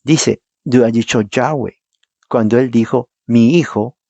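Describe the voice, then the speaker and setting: A man's voice: medium pitch, unhurried, vocal fry, darkish tone, dry recording, highs cut off. A man preaching a Bible teaching sermon, reading verses aloud and explaining them, emphatic and firing rhetorical questions at the congregation.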